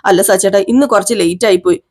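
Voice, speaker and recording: A woman's voice: mid-range voice, racing, darkish tone, close to an everyday voice. Woman doing a shy, bashful young wife.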